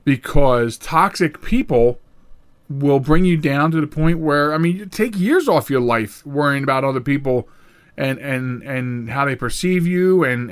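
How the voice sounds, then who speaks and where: Hosting a podcast alone, this middle-aged man has a smooth voice and an animated, wandering way of talking. He keeps restarting and leaps abruptly upward in pitch for emphasis.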